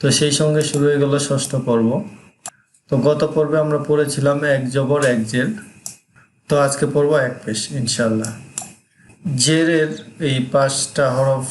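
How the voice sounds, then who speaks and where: A man teaching Quran reading, spelling out each letter and vowel sound slowly and patiently, with a Bangladeshi Bengali accent. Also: medium pitch. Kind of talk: slow spelled-out recitation lesson. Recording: echoey room with faint ambient noise.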